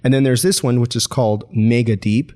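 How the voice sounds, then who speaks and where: A man's voice: medium pitch, fairly even intonation, a little fast, a little mellow. A man streamer giving a casual, chatty product demo with frequent chuckles. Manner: upbeat, chatty, chuckles often. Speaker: streamer reviewing gear.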